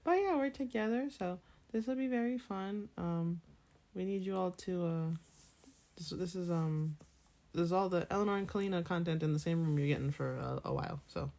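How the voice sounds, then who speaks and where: Young woman w a low gravelly voice, jokey podcast chat. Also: normal speed, mellow. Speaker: podcast co-host. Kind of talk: casual chat.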